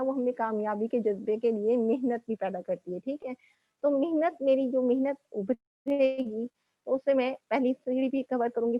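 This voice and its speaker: Addressing young women in a chatty motivational lecture, this speaker's voice sits on the high side; she keeps saying "ٹھیک ہے," meaning "okay," and mixes in English. The recording is dry and muffled.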